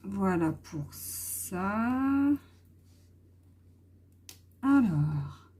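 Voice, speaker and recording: A woman's voice: medium pitch, very animated, very slow, darkish tone, slightly rough. A woman vlogger chatting casually and hesitantly while she colors, with many fillers. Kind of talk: casual coloring vlog chat.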